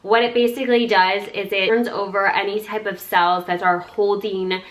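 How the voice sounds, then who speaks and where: A woman's voice: medium pitch, steady tone, moderate pace. Bubbly young woman doing a skincare unboxing vlog, chatty, says like a lot, grew up in singapore. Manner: bubbly, chatty, lots of "like" and "oh my God". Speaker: beauty YouTuber.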